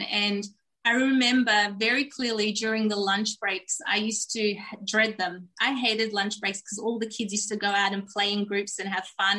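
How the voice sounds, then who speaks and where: This Turkish-speaking woman from Australia, a podcast interview guest, talks about her life in a candid, earnest, reflective way. Her medium-pitched voice has a sharp tone, captured on a low-quality recording.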